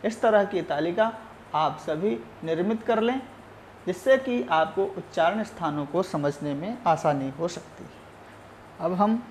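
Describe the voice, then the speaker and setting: A male Sanskrit teacher giving a recorded lesson, measured and explanatory, sounding out each letter. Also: high-pitched, slight background noise.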